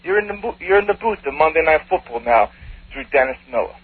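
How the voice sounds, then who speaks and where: A man's voice: fairly high pitch, lively intonation, fast talker. A man calling in to a radio show, sounding faint and distant because his phone is held away from his mouth. He talks in a confrontational, taunting way. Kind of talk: call-in radio. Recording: tinny phone line, far from the handset.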